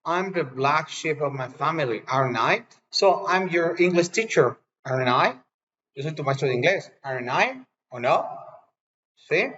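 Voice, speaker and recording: A man's voice: fairly high pitch, animated, unhurried, fairly bright tone. Bilingual man teaching English grammar. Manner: explains patiently, switches between Spanish and English examples. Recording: dull lo-fi recording.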